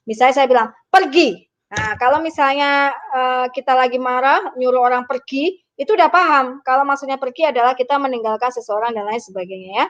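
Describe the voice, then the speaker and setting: A high-pitched woman teacher gives a patient grammar lesson. She acts out short example sentences to show intonation. The recording sounds a little dull and lo-fi. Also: a little fast, fairly bright tone. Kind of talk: online lesson.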